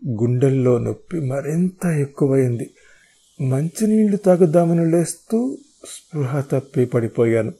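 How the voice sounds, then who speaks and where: A man narrating a novel in the first person with a measured, expressive reading. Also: medium pitch, slightly rough. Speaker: audiobook narrator.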